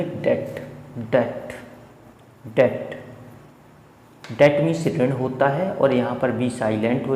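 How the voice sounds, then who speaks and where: An Indian man gives a classroom-style English lesson at an ordinary middle pitch. He repeats words patiently to drill them in. The room rings with reverb, and faint ambient noise hums underneath. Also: a little mellow. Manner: repeats each word slowly to drill pronunciation. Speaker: English teacher.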